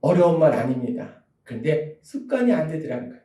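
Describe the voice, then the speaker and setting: Male pastor, high lively preaching voice, loud bursts and hushed asides, heard from afar in an echoey church. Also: brisk. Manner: emphatic preaching, swinging from loud outbursts to soft hushed speech. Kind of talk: sermon. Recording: echoey church hall, distant mic.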